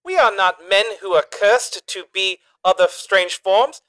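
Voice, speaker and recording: A woman's voice: medium pitch, lively intonation, measured pace, fairly bright tone. A woman voicing a proud, declamatory sword cursed into human form, in a tabletop game. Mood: proud, solemn.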